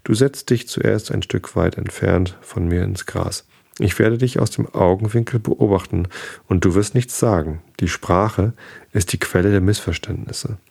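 A man's voice: low-pitched, measured pace, creaky, husky, full character voice. Man reading as a wise, patient fox. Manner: calm, earnest storybook reading. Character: wise patient male fox, gentle and longing.

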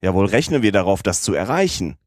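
A man's voice: big pitch swings, fast talker, dry recording, clean studio sound. A man playing Fix, a crafty police detective. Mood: coaxing. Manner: low-voiced, coaxing, insistent. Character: crafty English police detective, middle-aged man, persuasive.

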